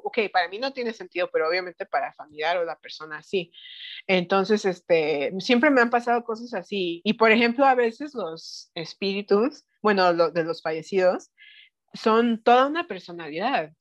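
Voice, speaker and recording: A woman's voice: medium pitch, dull audio. Mexican woman mixing in English phrases. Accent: Mexican Spanish. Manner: mixes English phrases into Spanish, animated quoting. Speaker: psychic guest. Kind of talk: casual storytelling chat.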